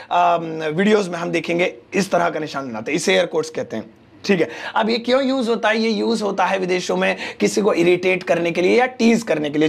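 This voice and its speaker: A man's voice: high-pitched, creaky. A man with an Indian accent, teaching English online and patiently answering viewer questions with English phrases mixed in. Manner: explains patiently in Hindi with English phrases, reads out comments.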